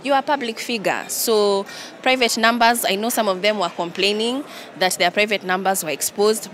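A woman's voice: medium pitch, a bit bright. A young woman with a Kenyan accent giving an interview into reporters' microphones, switching between English and Swahili. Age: young adult. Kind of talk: on-the-spot media interview. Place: large indoor event hall. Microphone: handheld reporters' microphones. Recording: clear background noise of busy hall.

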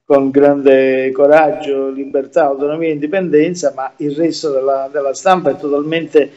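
A man giving his views as a guest in a remote interview, speaking haltingly with many fillers and repeated words. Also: on the high side, steady tone, dark tone, dull audio.

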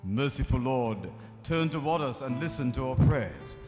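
A man leading funeral committal prayers as a priest, in slow, measured liturgical recitation. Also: mid-range voice, expressive. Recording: reverberant space with faint music.

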